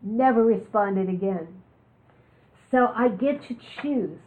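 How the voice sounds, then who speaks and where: A woman giving a talk on living with chronic illness, telling candid personal stories with jokes. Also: mid-range voice. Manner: candid, joking storyteller. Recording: lo-fi, phone-like recording.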